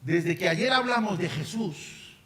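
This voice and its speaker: A man's voice: high-pitched, expressive, measured pace, bright, forceful tone, exaggerated voice. A man voicing an agitated middle-aged male car seller in a retold story, blunt and exasperated. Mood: puzzled. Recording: reverberant hall, faint noise.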